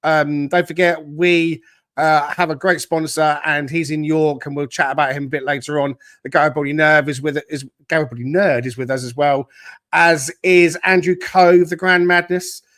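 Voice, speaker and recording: A man's voice: on the high side, steady tone, normal speed, a bit bright. A man hosting a podcast, upbeat and chatty, welcoming commenters and introducing his guest. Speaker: podcast host. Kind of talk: casual chat.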